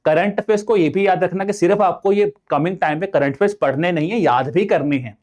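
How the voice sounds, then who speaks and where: A man's voice: sits high, quick pace, darkish tone. A young adult man with an Indian accent teaching an online exam-prep lesson, mixing in English words and firing rhetorical questions at his students. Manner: addresses viewers as friends, Hindi-English mix, rhetorical questions. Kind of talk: online lecture.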